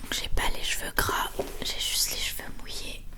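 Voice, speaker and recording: A woman doing a whispered ASMR book reading in a soft, hushed library whisper, close to the microphone, sometimes correcting herself. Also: normal speed. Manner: hushed storytelling with self-corrections. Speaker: ASMR host reading a novel aloud.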